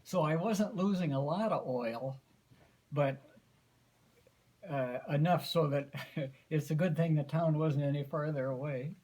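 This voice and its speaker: An American man in his eighties telling a folksy, unhurried story informally to family, often clearing his throat. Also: on the high side, a little mellow, low-quality recording. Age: 80s. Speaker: grandfather giving an anniversary speech.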